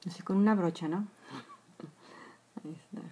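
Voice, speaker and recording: A husky, dark-toned voice on the low side, delivered at a measured pace, belongs to a makeup vlogger in her forties with a Mexican accent. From a small room she chats through a live tutorial straight to her viewers, calling them girls and slipping into whispers while putting on makeup. She's recorded at close range on a phone or webcam.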